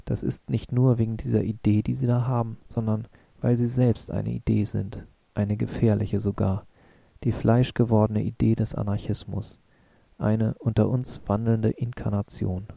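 A man's voice: lowish voice, flat delivery, normal speed, creaky, dark tone, no room sound. A man reading the lines of an impassioned male rebel leader in an audiobook, with an urgent, insistent delivery. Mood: grave.

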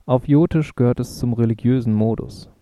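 A man's voice: medium pitch, moderate pace, dark tone, a little hiss or hum, lightly acted. A man voicing a serious, worried male ecologist in a read-aloud story, speaking matter-of-fact.

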